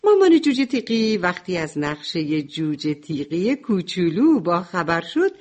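A woman narrating a children's story in the role of a grandmother, expressive and tender. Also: fairly low pitch.

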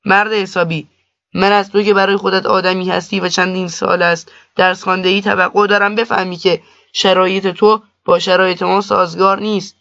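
A man's voice: high voice, little pitch movement, creaky, pushed and bright, dry recording, exaggerated voice. A man reading a stern, curt cloth merchant. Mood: curt, cold. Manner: curt, irritated, dismissive. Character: stern, cold male cloth merchant, a bride's father. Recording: dull lo-fi dry recording.

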